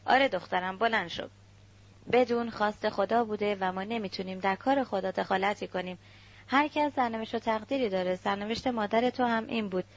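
A gentle, grieving uncle offers soft words of comfort, read out by a woman narrating a storybook. The recording is dull and lo-fi. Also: mid-range voice, steady tone, close to an everyday voice. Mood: consoling. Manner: soft consoling. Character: grieving kindly uncle, middle-aged man, gentle.

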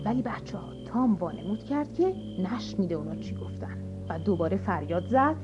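A woman narrating a children's storybook, expressive and addressing the kids. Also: medium pitch. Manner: animated, expressive. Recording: dull lo-fi audio with music.

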